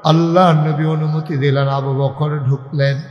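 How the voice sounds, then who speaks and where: A man preaching a dramatic sermon, telling the story with chanted passages and bursts of shouting. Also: fairly high pitch, steady tone, measured pace, muffled recording. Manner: dramatic storytelling, acting out quoted dialogue; breaks into melodic chanting. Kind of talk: Bengali religious sermon (waz). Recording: echoey hall sound with long reverb.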